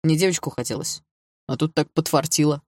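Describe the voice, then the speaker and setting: A man's voice: fairly high pitch, fairly quick, a little mellow, no room sound. Brief: male reader as nervous young guy, whiny excuses, slangy. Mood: pleading. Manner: rambling, pleading, slangy. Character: nervous young man, guilty, whining excuses.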